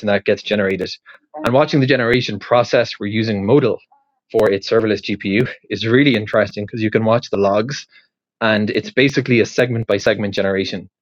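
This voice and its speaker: Speaking in a lowish voice, the Irish man poses a question on his podcast in a meandering, think-out-loud way, stumbling through ums and restarts. It's a casual monologue, recorded muffled and without any room sound.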